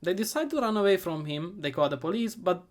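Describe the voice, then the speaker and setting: A man giving a comedic movie recap, sarcastic and profane, rambling and often trailing off into quieter asides. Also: high-pitched, animated, fairly quick. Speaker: movie reviewer.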